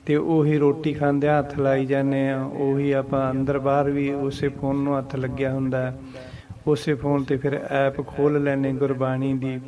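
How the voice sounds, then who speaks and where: A man teaching the pronunciation and meaning of Sikh scripture, patiently repeating verses slowly to model how they should be said. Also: medium pitch, dark tone. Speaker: Gurbani teacher.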